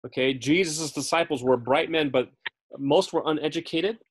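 His voice is a little high and slightly rough, moving at a moderate pace. He's a native English speaker teaching a Bible study chattily, regularly checking on his listeners and fixing his own wording, with plenty of fillers.

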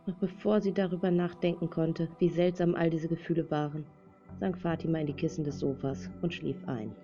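A woman narrating a dramatic novel as an audiobook in a measured reading. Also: deep voice, fairly even intonation, dark tone, faint music behind. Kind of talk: scripted narration. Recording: dull lo-fi recording.

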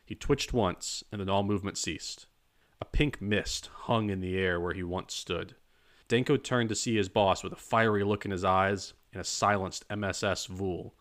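A man narrating a dark crime story in a measured, even storytelling manner. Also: deep voice. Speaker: audiobook narrator. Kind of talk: scripted narration.

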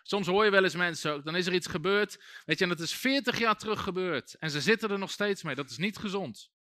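A man's voice: high-pitched, fairly quick, pushed and bright, no echo. A man preaching a sermon in a conversational way, full of asides and restarts.

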